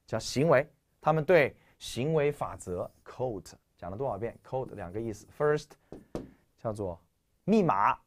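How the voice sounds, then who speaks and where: A man from China teaching English vocabulary in a lecture, explaining with rhetorical questions and a stuffy nose. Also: medium pitch. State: stuffy nose, clearing throat.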